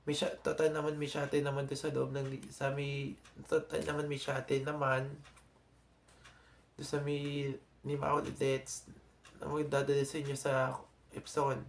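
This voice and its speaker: A young Filipino man vlogging to his subscribers in a casual, halting way, often stopping to restart and correct himself. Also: mid-range voice, completely flat delivery, vocal fry, a little hiss or hum. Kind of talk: casual vlog talk to subscribers.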